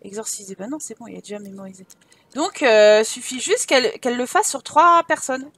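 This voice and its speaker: A woman gives casual commentary on a medieval life-sim game, chatty and joking as she thinks aloud. Her voice sits high and light. She talks to her sims and her viewers in a relaxed, off-the-cuff way. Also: a little fast, no echo. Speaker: gaming channel host.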